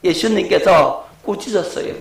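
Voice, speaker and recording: A man's voice: sits high, normal speed, vocal fry, roomy sound, noisy background. A middle-aged male pastor, preaching a lecture-style sermon and asking his congregation questions. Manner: rhetorical questions to the congregation, shouting acted quotes.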